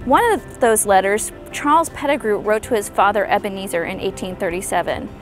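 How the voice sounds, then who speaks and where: A woman in her thirties, a historical interpreter, giving a clear, measured outdoor tour talk on a lapel mic. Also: mid-range voice, faint music behind. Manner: clear, measured presenter delivery. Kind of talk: informative video tour narration. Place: outdoors on a lawn by trees. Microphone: clip-on lapel mic.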